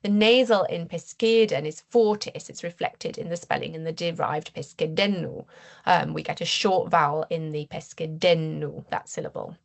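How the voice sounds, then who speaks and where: An English woman lecturing at a university seminar, measured and careful, with frequent fillers and restarts. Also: low voice, vocal fry. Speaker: university researcher giving a seminar talk. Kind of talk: academic lecture.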